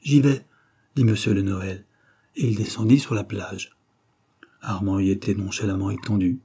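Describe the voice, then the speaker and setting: A man with a French accent narrating a classic novel in a measured, expressive reading. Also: sits low, slightly rough. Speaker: audiobook reader.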